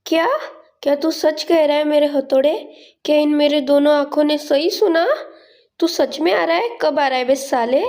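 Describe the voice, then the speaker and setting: A woman's voice: sits high, steady tone, moderate pace, darkish tone. Woman voicing a rowdy, slangy young man. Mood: rowdy banter. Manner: brash, slangy, mock-insulting. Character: rowdy young man, teasing best friend.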